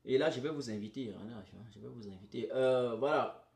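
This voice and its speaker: A Cameroonian man hosts a political livestream, speaking emphatically, repeating phrases and addressing viewers directly. His mid-range voice is slightly fast, creaky and a little mellow, and the recording carries a roomy echo.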